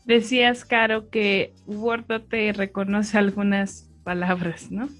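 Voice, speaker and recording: A woman's voice: medium pitch, little pitch movement, slow, a bit bright, faint music behind. Woman hosting a radio show. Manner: friendly, uses fillers like "este". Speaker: radio host.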